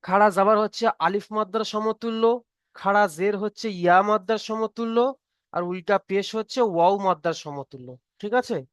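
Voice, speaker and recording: Male tutor, high and clear voice, close and dry sound, patient and repetitive. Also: brisk, a bit bright, no echo. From Bengal. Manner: patient, repeats each point and checks understanding. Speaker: Quran reading teacher. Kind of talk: online tutoring class.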